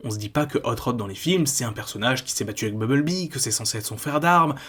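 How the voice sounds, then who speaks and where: A man's voice: mid-range voice, fast, a bit bright, slightly rough. A man from France hosting a video essay, talking in a critical, conversational way with frequent casual fillers. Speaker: YouTube host.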